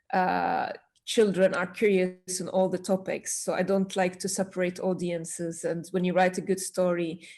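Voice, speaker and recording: A woman's voice: fairly low pitch, vocal fry, a little mellow. A woman from Syria, a children's author, answering interview questions earnestly and with passion, with small restarts.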